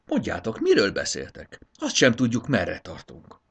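A man voicing an earnest young boy, raising his voice high and loud, with a gravelly, husky edge. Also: exaggerated voice. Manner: earnest, excited. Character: eager young boy hero.

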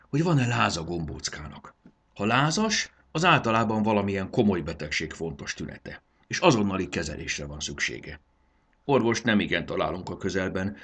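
Guy doing a know-it-all little boy, eager and earnest, gravelly edge. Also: low-pitched, a bit bright, full character voice.

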